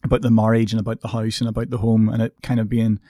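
A man's voice: on the low side, flat delivery, fast talker, dark tone, no room sound, studio quality. A man in a casual podcast chat, reflective, explaining his views at length.

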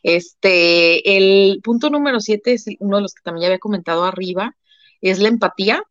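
A woman's voice: mid-range voice, moderate pace, no room sound. A woman with a Mexican Spanish accent talks casually as a live-stream co-host, stressing her points by repeating them. The sound is dull and dry, with no room around her voice. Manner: emphatic, repeats phrases for effect.

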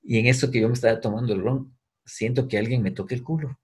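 A man's voice: mid-range voice, fast talker, slightly rough. A middle-aged man, a guest, telling a long personal story in casual talk, acting out the voices of people he quotes. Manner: animated, acts out quoted voices.

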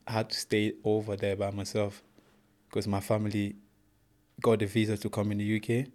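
A man's voice: on the low side, completely flat delivery, moderate pace, darkish tone. A young man from Congo, not a native English speaker, telling his life story earnestly as a guest in a casual interview. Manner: earnest, plain storytelling, says "bro" often. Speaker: guest, professional boxer.

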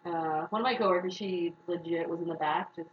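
A woman's voice: lowish voice, a little fast, far from the mic. A woman, chatting casually as a podcast co-host and laughing often. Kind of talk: casual chat. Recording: roomy, dull, noisy recording.

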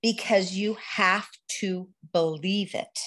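Woman, energy instructor, podcast interview, animated, explaining. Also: mid-range voice, slow. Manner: animated, laughs, quotes herself in little voices.

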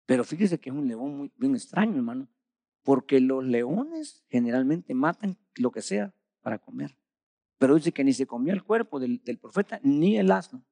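A man preaching a sermon, retelling a story with frequent calls of "hermano" and sudden swings from loud bursts to quiet drops. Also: medium pitch, big pitch swings, moderate pace, gravelly, dry recording.

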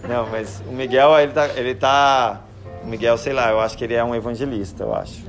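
A man's voice: mid-range voice, steady tone, fairly quick, faint music behind. A man giving a sermon as a pastor, shifting between Scripture and casual family stories. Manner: conversational, anecdotal preaching.

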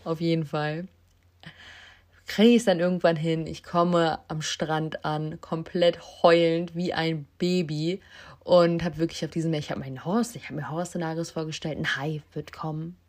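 Young woman telling a story, lowish voice. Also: steady tone, normal speed, a little mellow. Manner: emotional, self-mocking, addresses listeners directly. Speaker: podcast host. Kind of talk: casual storytelling monologue. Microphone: basic non-professional mic.

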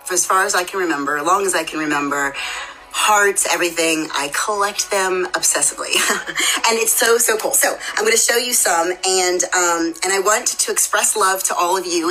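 A woman hosting a devotional podcast, with a crisp, forceful voice that sits a little low. She talks in a bubbly, rambling way, upbeat and chatty as she encourages her listeners. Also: rough recording. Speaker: faith podcast host. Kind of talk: devotional live chat.

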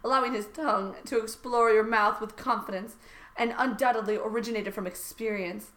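A woman's voice: a little high, steady tone, brisk, a bit bright. A woman podcast co-host reading fan fiction aloud in a mock-dramatic way, often breaking into laughter. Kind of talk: comedic dramatic reading with banter.

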